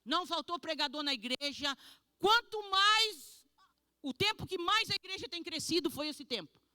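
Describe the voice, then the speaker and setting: A woman pastor from Brazil tells her testimony in an animated, emotional sermon. Her voice is bright and forceful, recorded close and dry. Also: sits high, brisk, dry recording.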